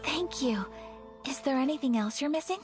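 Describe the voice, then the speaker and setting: High-voiced, refined young noblewoman. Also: expressive. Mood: polite. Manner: formal, measured, courteous. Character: refined young noblewoman, polite, earnest, gently reserved. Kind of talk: video game voice acting. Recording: game music behind the voice.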